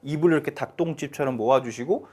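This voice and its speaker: 텔레비전 중국어 강좌에서 성조를 힘주어 설명하며 소리를 직접 시범으로 보여 주는 남성 강사. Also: male voice, fast talker. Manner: animated, emphatic, sings pitch demonstrations. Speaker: Chinese language teacher. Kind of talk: televised language lesson.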